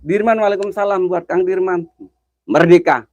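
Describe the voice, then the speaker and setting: A man's voice: high voice, normal speed, no room sound, lo-fi sound. Jumpy man streaming at night. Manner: jumpy, chatty, greets viewers by name, nervous exclamations. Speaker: livestream host. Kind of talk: live ghost-hunting stream chat. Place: outdoors at night near an old well.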